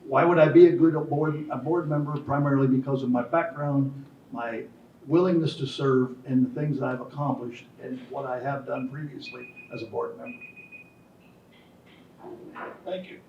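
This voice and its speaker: A man in his sixties, a school board candidate, answering forum questions in a formal, measured way with some hesitations. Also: medium pitch, steady tone, creaky, a little hiss or hum. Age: 60s. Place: classroom-like meeting room. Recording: echoey room from far off, dull sound.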